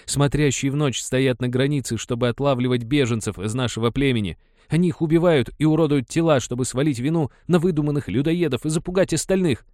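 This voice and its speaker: A man's voice: mid-range voice, a little fast, dry recording, clean studio sound, pitched above the performer's own voice, lightly acted. A man voicing an agitated young tribesman who argues urgently with his mother. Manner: urgent, pleading then yelling.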